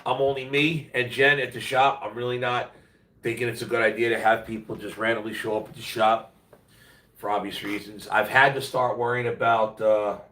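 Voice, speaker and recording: There's little pitch movement in this medium, slightly bright voice, which moves at normal speed. The livestream host rambles casually from his roomy home, sick and sounding congested, nasal and worn out, his manner blunt, slangy and plain-spoken. A distant mic makes it echoey.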